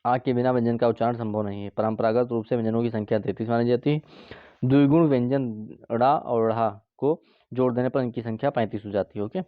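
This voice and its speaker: A man teaching an exam-prep Hindi grammar lesson, explaining step by step and slowly sounding out each letter with drawn-out vowels. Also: medium pitch, steady tone, no echo, narrow, tinny audio. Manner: drawn-out demonstration sounds with frequent fillers.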